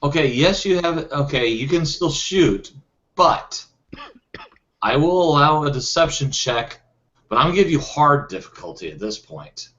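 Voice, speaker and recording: A man acting as game master in a tabletop role-playing game, thinking aloud as he goes, with frequent pauses and restarts. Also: fairly high pitch, sing-song, fairly bright tone. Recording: dull lo-fi sound.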